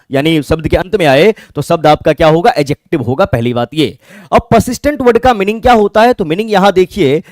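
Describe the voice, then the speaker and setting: A man's voice: high-pitched, dry recording. A male English teacher with a Bihari Hindi accent giving an exam-prep vocabulary lesson, asking questions and answering them himself and spelling words out letter by letter.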